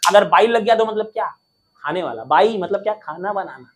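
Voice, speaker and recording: A man teaching a lesson in a playful, energetic way, quizzing students with call-and-response questions and cracking jokes. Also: high-pitched, brisk, a little hiss or hum. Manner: jokey, drops rhymes and mnemonics.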